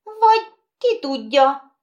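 A woman's voice: high voice, big pitch swings, darkish tone, dull audio, voice pushed up. A woman voicing a nervous, vain porcelain doll in a storybook reading, prim and easily indignant.

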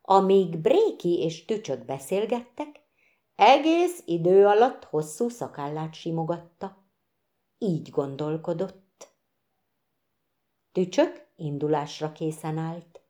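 Expressive woman reading a children's story. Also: fairly low pitch. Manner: expressive, gentle, animated.

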